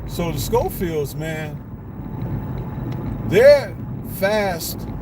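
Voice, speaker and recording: A man hosting a live boxing commentary stream, blunt and rambling, with lots of rhetorical questions. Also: fairly high pitch. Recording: noisy live stream with street and car noise.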